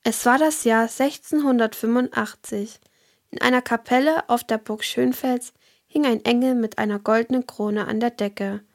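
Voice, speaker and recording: A woman reads a children's story aloud with a calm, clear delivery. Her voice sits somewhat high. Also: normal speed. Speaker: narrator. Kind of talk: scripted children's story narration.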